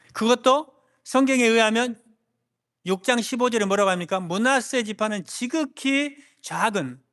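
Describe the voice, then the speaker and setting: A man's voice: high-pitched, fairly bright tone. A man, a senior pastor, preaching a sermon and asking the congregation questions. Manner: asks the congregation questions and acts out quoted complaints. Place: church sanctuary. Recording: long church hall reverb.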